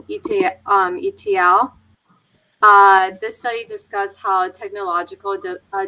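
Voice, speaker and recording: A woman from Charlotte presents to her class in a bright voice. She stumbles and restarts at times. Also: mid-range voice, poor audio. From Charlotte, North Carolina, USA. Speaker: graduate student presenter.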